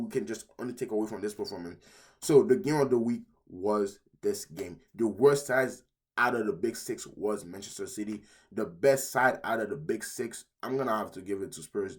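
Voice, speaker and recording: A sick, out-of-breath man chatting casually as he recaps football results, excitable and repeating himself as he talks to his viewers. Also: fairly low pitch, breathy edge. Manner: excitable, repeats phrases, keeps addressing the audience. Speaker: football vlogger.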